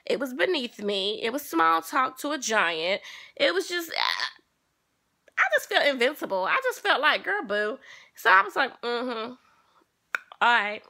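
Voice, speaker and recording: Woman vlogger, sassy animated storytelling, fairly high voice, bright forceful tone. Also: moderate pace, creaky. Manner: animated, sassy, talks straight to viewers. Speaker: vlogger telling a personal story. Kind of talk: casual storytelling.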